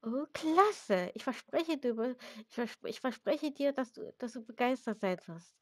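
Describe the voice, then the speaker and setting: A woman voicing a caring, eager teenage girl who pleads and pushes excitedly, in a read-aloud story. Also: fairly high pitch, moderate pace, dry recording, clean studio sound, close to an everyday voice.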